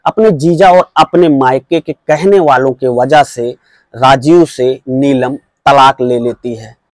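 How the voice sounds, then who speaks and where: A man narrating a true-crime story in steady storyteller fashion, often repeating his phrases. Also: medium pitch, slow, dry recording, low-quality recording.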